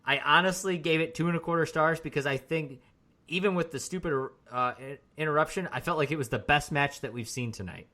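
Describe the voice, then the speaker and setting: A man with a bright, clear-edged voice co-hosts a casual wrestling podcast. He recaps scenes loosely, piling on fillers as he goes. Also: on the high side, fairly quick. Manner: relaxed, rambling recap with frequent fillers. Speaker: podcast co-host.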